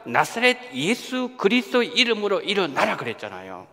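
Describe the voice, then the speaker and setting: A male pastor preaches in a church sanctuary, his voice swinging widely from low to high as he acts out the people in his text. His tone is gravelly and fairly high, and a long reverb trails each phrase. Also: normal speed. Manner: animated preaching, acting out quoted voices and asking the congregation questions. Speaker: senior pastor. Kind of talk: sermon.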